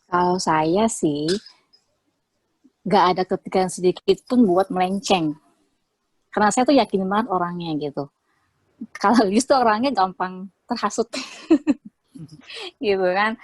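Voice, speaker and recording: A woman's voice: medium pitch, expressive, moderate pace, long pauses, dry recording. Young woman, testimony guest, heartfelt and chatty, dry close mic. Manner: heartfelt, chatty, lots of fillers. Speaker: interviewee sharing a faith testimony. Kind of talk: casual testimony.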